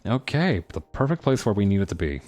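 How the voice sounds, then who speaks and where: A man's voice: fairly low pitch, sing-song, brisk, a little mellow. A man streaming a game, musing aloud over his choices in casual commentary.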